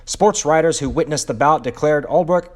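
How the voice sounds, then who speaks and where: A man putting on the voice of an excited 1930s sports commentator reading a newsreel story. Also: fairly high pitch, pitched above the performer's own voice, lightly acted. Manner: brassy, rapid newsreel announcer delivery.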